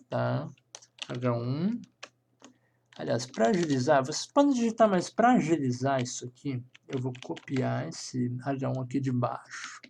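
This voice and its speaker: Man, Brazilian Portuguese accent, programming instructor, gravelly voice, thinking aloud, checks in often, soft typing behind. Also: medium pitch, slight background noise. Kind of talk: screencast coding lesson.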